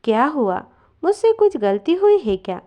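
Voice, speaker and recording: A polite young daughter-in-law, read aloud by a woman. She speaks softly and respectfully, soothing rather than arguing. The voice is fairly high and lively in pitch. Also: normal speed, muffled recording. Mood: pleading, soothing.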